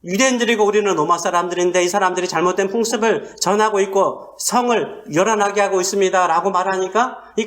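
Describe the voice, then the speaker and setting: A male pastor with a high voice delivers a sermon full of rhetorical questions, swinging between loud emphasis and hushed asides.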